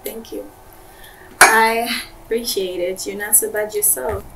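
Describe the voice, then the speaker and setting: A woman's voice: medium pitch, fairly even intonation, measured pace, very noisy, natural voice. An actress in her twenties playing a polite, guarded young woman in a naturalistic film drama. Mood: polite, friendly. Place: small living room indoors. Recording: echoey room, distant mic, music behind.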